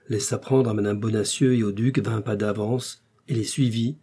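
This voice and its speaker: A man narrating a classic adventure novel in a measured, even way. His voice is mellow and dark, with a slight husk to it. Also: mid-range voice, husky. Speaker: audiobook narrator.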